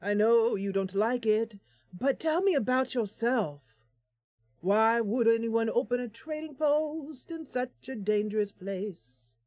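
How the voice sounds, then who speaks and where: A woman voicing a gracious female bard adventurer in a fantasy game, with a deliberate, sing-song delivery. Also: on the high side, a little mellow, no echo. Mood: curious, coaxing.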